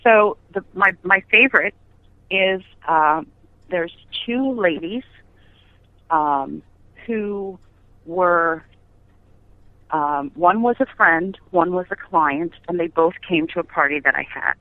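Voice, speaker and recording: Slow and pausing often, a middle-aged woman on the low side recounts anecdotes as an interview guest, pressing her points with rhetorical questions. She's a business founder on a podcast, and the dry recording comes through tinny, as if over a phone line.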